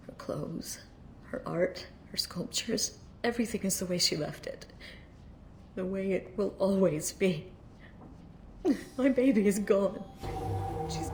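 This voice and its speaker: A bereaved mother in a video game, middle-aged and despairing. Her voice sits a little low, heavy with sad sighs and tears. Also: darkish tone. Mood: sad, sighing. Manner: sad, sighing, tearful. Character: grieving mother of a murdered daughter, despairing. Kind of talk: game voice acting, dramatic dialogue.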